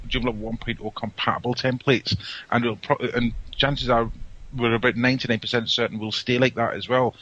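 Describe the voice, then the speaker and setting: A man's voice: mid-range voice, a bit bright. A man with a broad Scottish accent chatting casually as an interview guest, jokey and often restarting his phrases, on a muffled remote call. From Scotland. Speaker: podcast guest, template company representative. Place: remote audio-only call. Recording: dull, muffled lo-fi call audio.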